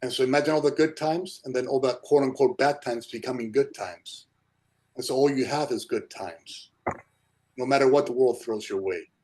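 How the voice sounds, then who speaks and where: Gentle man teaching a spiritual class. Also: mid-range voice, low-quality recording. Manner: gentle, encouraging, repetitive. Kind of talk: online class talk. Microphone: video call.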